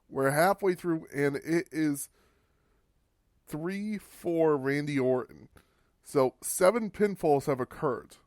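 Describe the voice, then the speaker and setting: A podcast host gives a casual, wry recap of old wrestling matches, swearing for comic effect. His mid-range voice is a little mellow, captured in a clean studio with no room sound.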